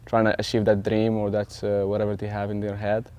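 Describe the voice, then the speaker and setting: A man's voice: lowish voice, monotone, a little fast, darkish tone, clean tone. A young man from Morocco, a parkour athlete and stuntman, talking reflectively in a sit-down interview. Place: dark studio with curtain backdrop.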